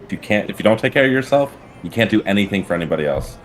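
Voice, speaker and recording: A man's voice: lowish voice, lively intonation, very fast, faint music behind. A man from Arizona talking casually as a guest, laid-back and reflective. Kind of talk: casual chat.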